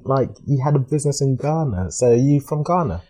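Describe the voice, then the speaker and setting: A man's voice: medium pitch, expressive, brisk, mellow. A man hosting a podcast in casual interview chat, playful and joking with his guest. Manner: playful, laughs and jokes with guest. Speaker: podcast host.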